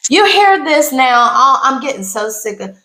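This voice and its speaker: A woman hosts a casual talk show, chatting and sharing strong opinions in a lively way. Her voice sits a bit high. It rings in a roomy, echoing space. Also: moderate pace. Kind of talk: casual chat.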